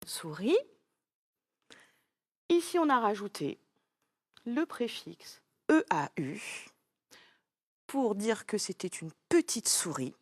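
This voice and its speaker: A woman's voice: mid-range voice, sing-song, slow pace, long pauses, dry recording. A woman teaching a lesson to young children, speaking patiently and encouraging the child directly. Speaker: primary school teacher.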